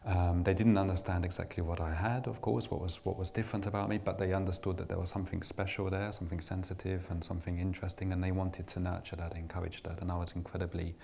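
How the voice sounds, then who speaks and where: In a reflective personal talk before an audience, an invited middle-aged Englishman keeps restarting his sentences and using fillers. His deep, mellow voice stays fairly level in pitch, moving at a quick pace with vocal fry and few pauses.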